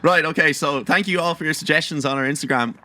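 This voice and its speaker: A man's voice: fairly high pitch, fast talker, sharp tone. A man co-hosting a casual podcast, chatty and swearing, with apologetic asides. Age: 20s. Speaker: podcast co-host. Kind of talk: casual chat.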